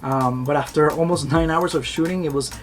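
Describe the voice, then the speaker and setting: A man's voice: fairly high pitch, a little fast. A man narrating his vlog in a casual, upbeat and heartfelt way, often talking about trusting his heart. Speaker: vlogger. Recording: voice-over with loud music behind.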